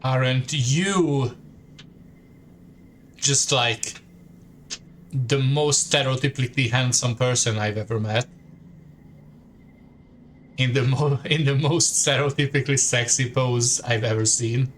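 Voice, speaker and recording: A man streaming a story game, voicing its text in second person at an ordinary middle pitch. He reads along and breaks off now and then for a casual comment of his own. A faint hiss sits under the voice. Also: steady tone, takes it slowly, pauses often. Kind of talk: reading a story game aloud with asides.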